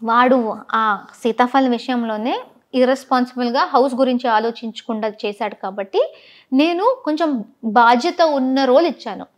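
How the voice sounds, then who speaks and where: A woman's voice: on the high side, normal speed. A woman giving an interview as a former reality show contestant, recounting events emphatically and indignantly, often switching into English phrases.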